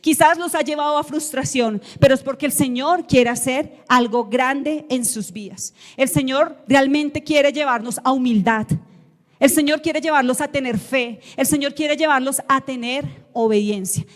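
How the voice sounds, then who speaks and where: A woman's voice: high-pitched, moderate pace, long reverb tail. A woman preaching a sermon to her congregation, emphatic and full of rhetorical questions. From Colombia. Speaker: guest preacher. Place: church sanctuary.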